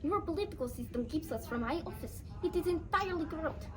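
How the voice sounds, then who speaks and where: A woman's voice: very high-pitched, expressive, fast talker, music in the background. A woman playing an indignant activist in a comedy sketch, speaking sharply and accusingly.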